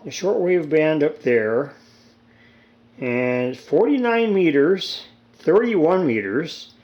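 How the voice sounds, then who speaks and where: This homemade video features a hobbyist radio restorer in his seventies, speaking with medium pitch as he gives a loose, folksy repair demonstration full of dry wit and rambling asides. The sound is lo-fi, and a constant background noise runs throughout.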